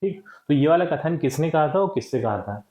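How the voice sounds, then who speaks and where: A man's voice: a little high, lively intonation, brisk, warm tone, reverberant, muffled recording. A man explaining a textbook lesson to children, patiently asking and answering his own questions. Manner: patient, checks with repeated "ठीक है" and questions. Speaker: teacher.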